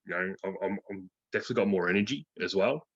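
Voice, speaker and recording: A man's voice: deep voice, very fast, breathy edge, no echo. A man, giving a casual interview in slangy, laid-back speech. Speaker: interviewee, programme graduate. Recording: dull lo-fi call audio.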